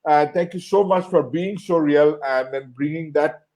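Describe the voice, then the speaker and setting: Bangladeshi-born man host, halting. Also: on the high side, highs cut off. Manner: warm thanks with many fillers and restarts; halting, repeats words. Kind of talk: closing an online interview show.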